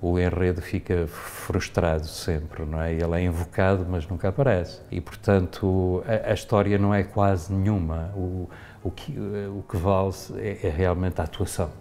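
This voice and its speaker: A man's voice: low voice, level tone, normal speed, warm tone, a little hiss or hum. A man in an interview, explaining a theatre piece thoughtfully, with frequent tag questions.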